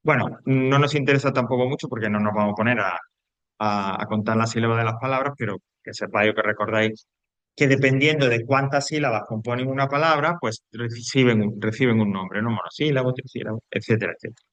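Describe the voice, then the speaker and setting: A man's voice: medium pitch, brisk, fairly bright tone, no room sound, highs cut off. A man from teaching a grammar lesson, explaining patiently, repeating points and checking in with his students. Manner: explanatory, repeats himself, frequent tag questions.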